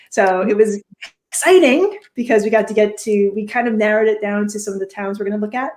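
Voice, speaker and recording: A woman's voice: medium pitch, reverberant. A woman in her thirties co-hosting a casual live chat show over a video call. She talks chattily, laughs often and restarts her sentences.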